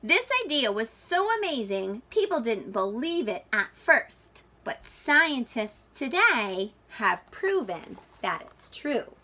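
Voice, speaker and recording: A woman with a high, very lively voice reads a children's picture book aloud the way a teacher would. Her tone is bright and crisp, and she deliberately stresses key words, stretching them out expressively for young listeners.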